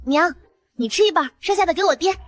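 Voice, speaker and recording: Very high, chirpy village girl. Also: animated, brisk. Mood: cheerful, innocent. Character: breezy, guileless village girl, doting yet troublesome daughter. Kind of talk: comic costume drama dialogue.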